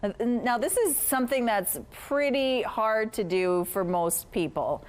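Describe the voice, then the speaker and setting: A woman's voice: a little high, a little slow. A woman presenting and asking questions as host of a broadcast morning news interview.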